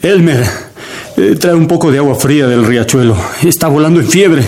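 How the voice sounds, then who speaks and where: A man's voice: a little high, animated, moderate pace, a little mellow. An actor playing a stern, embittered mountain farmer and father in a radio drama, firm and commanding. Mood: grave, bitter.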